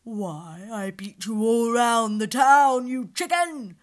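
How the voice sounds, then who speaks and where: A woman's voice: on the high side, animated, pitched above the performer's own voice. A woman playing a sleepy, grumpy lion. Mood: drowsy gruff. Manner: drawling, yawning, slow.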